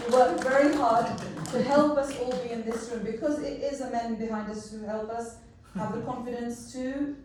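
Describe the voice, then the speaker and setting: A woman organising a launch event, thanking people and introducing speakers. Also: fairly high pitch. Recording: roomy hall from far off, noisy.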